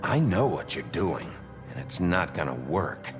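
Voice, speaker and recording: An actor playing a gruff, blunt wolf sheriff in a video game, terse and sardonic. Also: male voice, low-pitched, big pitch swings, unhurried. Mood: confrontational. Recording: echoing hall sound with faint music.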